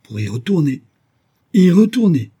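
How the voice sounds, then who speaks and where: A man's voice: lowish voice, animated, normal speed, dark tone, slightly rough, no room sound, studio quality. A man voicing a desperate pleading merchant. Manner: insistent, pleading.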